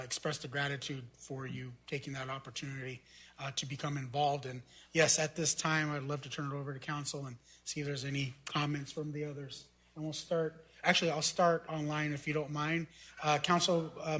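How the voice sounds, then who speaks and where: A man serving as mayor, chairing a city council meeting and thanking volunteers, pausing with fillers as he calls on members. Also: fairly high pitch, fairly bright tone.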